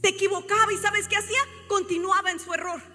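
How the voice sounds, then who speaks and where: A woman pastor delivering an impassioned sermon in a church, often rising to shouts. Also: very high voice, steady tone, quick pace, long reverb tail, soft background music. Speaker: prophet and pastor. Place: church sanctuary.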